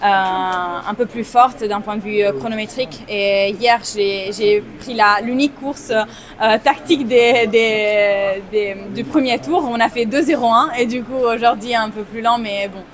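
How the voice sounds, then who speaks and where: A woman's voice: a little high, a little slow. A woman in her twenties, an athlete and native Italian speaker with a slight Italian accent, talking in a hesitant way and searching for her words after a race. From Italy. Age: 20s. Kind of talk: post-race interview. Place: outdoors at a stadium. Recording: crowd noise behind.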